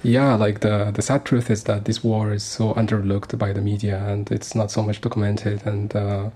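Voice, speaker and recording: A man's voice: on the low side, flat delivery, moderate pace, dark tone, slightly rough. A man in his thirties from Sudan, speaking as a guest on a community radio interview, earnest and hesitant with many fillers and restarts. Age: 30s.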